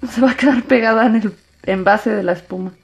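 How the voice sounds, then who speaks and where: A woman chatting excitedly to young viewers as the host of a casual craft vlog. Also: on the high side, brisk, gravelly, husky, soft background music. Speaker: host of a children's slime channel. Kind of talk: casual craft vlog, explaining as she goes.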